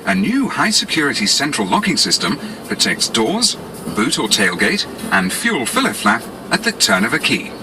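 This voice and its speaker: On a roughly recorded cassette tape, a British man reads scripted 1980s promotional narration over music, sounding like a polished salesman explaining a product. His voice is medium in pitch but swoops wildly, and he keeps a moderate pace.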